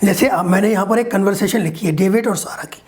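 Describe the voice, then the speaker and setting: A man teaching spoken English as a lesson. He explains in Hindi and reads each English example phrase slowly and deliberately. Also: sits high.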